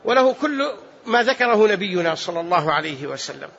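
A man's voice: sits high, sing-song, fairly quick, vocal fry, a bit bright, slightly rough. A male preacher who tells a story in a sermon, acting out its dialogue with dramatic shifts and chuckles, on a dull lo-fi recording.

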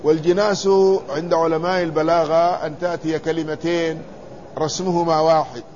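Guy teaching a lesson, reads old text out loud then explains, asks the class stuff, kinda high voice, muffled lo-fi recording. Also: little pitch movement, brisk. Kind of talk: traditional lesson, reading a text aloud with commentary. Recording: dull lo-fi recording with faint noise.

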